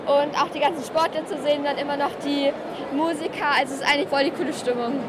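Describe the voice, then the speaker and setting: A woman's voice: high voice, steady tone, fast, heavy background noise. A young woman, a visitor at an event, chatting casually in a street-style interview with lots of slang and fillers. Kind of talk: casual vox-pop interview. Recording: loud crowd, busy venue.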